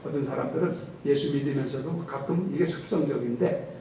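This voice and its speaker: A male pastor preaching a Sunday sermon in an animated way, acting out quoted speech. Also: mid-range voice, fairly quick. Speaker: senior pastor. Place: large church sanctuary. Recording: very echoey hall, distant mic, faint hiss.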